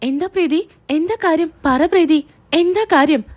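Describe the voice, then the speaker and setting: Worried young husband saying sorry, read by a woman, high pitch. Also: measured pace, no echo. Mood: concerned. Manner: concerned, apologetic. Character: young husband, concerned and apologetic.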